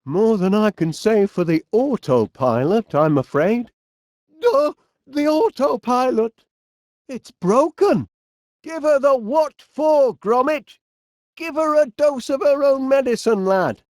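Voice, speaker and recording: A middle-aged, absent-minded inventor from an animated comedy game speaks slowly with a Northern English accent, his pitch bouncing up and down as he chats in a fussy, polite, cheerfully bumbling and hesitant way. Heavily acted, he delivers flustered urging. The recording is dry and close, with no room sound.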